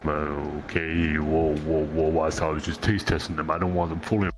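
A man's voice: rumbling low, level tone, normal speed, soft background music. A man in his twenties bantering crudely and casually in a social game. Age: 20s.

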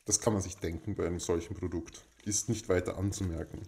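A man makes a mock-formal giveaway announcement as host, speaking in a pompous, stilted and deadpan manner. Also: low voice, brisk. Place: indoors in a home.

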